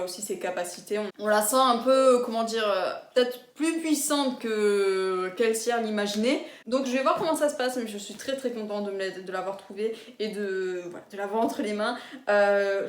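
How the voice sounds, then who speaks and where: A young woman chatting enthusiastically about books she bought, full of fillers and giggles. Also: medium pitch. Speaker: booktuber. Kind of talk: casual book haul chat. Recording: roomy echo.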